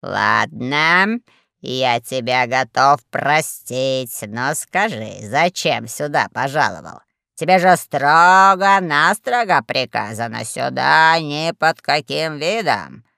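A performer voicing a fat, lazy alien overlord who speaks in a slow, low drawl, in an audiobook. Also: expressive, vocal fry, sharp tone, no echo, clean studio sound, full character voice. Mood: lazy menace.

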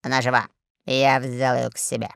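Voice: mid-range voice, flat delivery, moderate pace, vocal fry, smooth, dry recording, studio quality. A performer playing a boastful, bullying space admiral who blusters and threatens, in an audiobook. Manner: blustering, shouting.

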